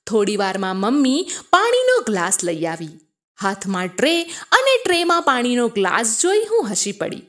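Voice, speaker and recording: A woman narrating a first-person family story in an expressive reading voice. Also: a little high, moderate pace.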